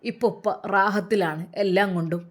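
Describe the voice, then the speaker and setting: Woman putting on a deeper soft-spoken older guy, calming a sad kid, storybook voice. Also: fairly quick, lightly acted. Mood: consoling. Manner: gentle, soothing. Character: kind older man comforting a grieving boy.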